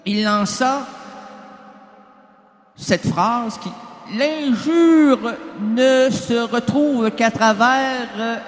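A man's voice: very high-pitched, drawn-out words. A man with a Quebec French accent who rambles, stammers and jokes as a radio host in a comic mock courtroom sketch. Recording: echoey room with long reverb.

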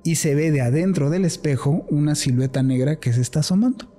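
A man with a Mexican accent telling a personal paranormal story as a guest, earnest and animated. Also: on the high side, a little fast. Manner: earnest, animated storytelling, switches into quoted voices.

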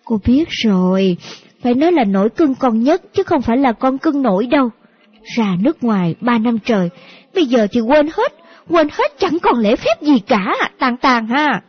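A woman's voice: fairly high pitch, expressive, moderate pace, husky. A woman voicing an emotional middle-aged aunt, scolding with affection. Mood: chiding. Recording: dull lo-fi audio with faint music.

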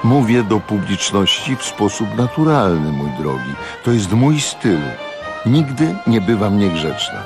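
A man's voice: on the low side, very animated, unhurried, over music, voice pushed up. A man voicing a touchy, glamorous woman with a theatrical, indignant manner in a radio audiobook reading.

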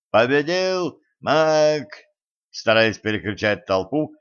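A man reading a novel aloud as an audiobook narrator, with steady, even storytelling. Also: lowish voice. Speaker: audiobook reader. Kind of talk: scripted narration. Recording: dull lo-fi recording.

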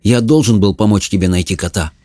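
An audiobook narrator voicing a calm, firm young boy. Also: lowish voice, fairly quick, no echo, clean studio sound, close to an everyday voice. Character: brave, practical young boy.

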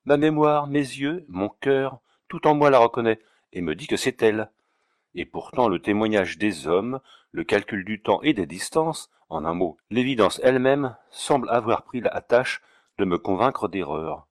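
A man's voice: medium pitch, expressive, a little slow, dry recording, studio quality. A man reading aloud, voicing an impetuous young male colonel who speaks in a declamatory, passionate way.

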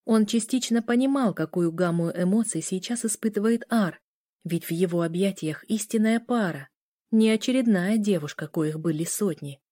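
A woman narrating a novel in a calm, even storytelling voice. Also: mid-range voice, moderate pace, no room sound, clean studio sound. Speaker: audiobook narrator. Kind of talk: scripted audiobook narration.

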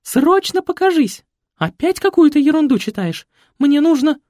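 A male reader voicing Nikoletta, a vain, coquettish older mother who squeals and shrieks in a very high voice, in an audiobook. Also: big pitch swings, normal speed, a little mellow, no room sound, clean studio sound. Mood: demanding. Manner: high-pitched squealing, theatrical. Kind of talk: audiobook character voice.

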